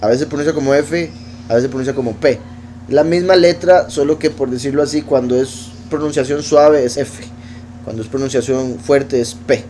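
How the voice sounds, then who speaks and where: A man teaching a Bible study, reading verses aloud and slowly spelling out Hebrew words as he explains them. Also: mid-range voice, warm tone, slight background noise. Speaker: teacher of scripture.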